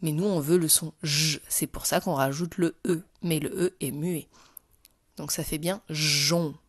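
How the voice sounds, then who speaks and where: A woman's voice: sits low, normal speed, mellow, no room sound, clean studio sound. A woman teaching phonics to a young child, speaking patiently and directly to the learner. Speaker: primary school teacher.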